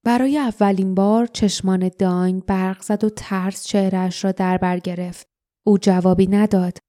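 A woman narrating a fantasy audiobook in a steady, dramatic storytelling manner. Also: mid-range voice, no echo, studio quality.

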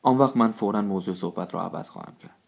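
A pompous, foolish village council head holds forth in a lowish male voice, proclaiming his ideas with smug certainty, as a man reads him aloud. This is storybook reading, told plainly rather than with a heavy character voice. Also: gravelly. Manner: self-satisfied, proclaiming.

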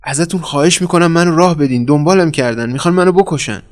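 Breathless hunted man begging for cover, voice pushed higher; male narrator doing it. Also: close to an everyday voice. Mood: pleading. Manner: urgent, pleading. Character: hunted middle-aged man, desperate and pleading.

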